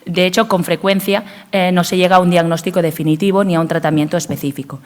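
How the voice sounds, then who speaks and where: A woman's voice: fairly low pitch, fairly even intonation, fast. A woman with a Spanish accent and a cold, giving a hesitant medical conference talk with many fillers. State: has a cold. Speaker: cardiologist speaker. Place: conference hall. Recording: long hall reverb.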